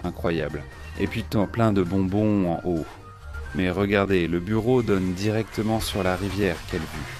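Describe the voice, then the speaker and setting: A man with a low, slightly mellow voice hosts a cycling vlog, chatting eagerly at a moderate pace as he rides and tours a small shop. Casual and enthusiastic, he keeps repeating "regarde" in his on-the-ride chat. Faint music plays behind him.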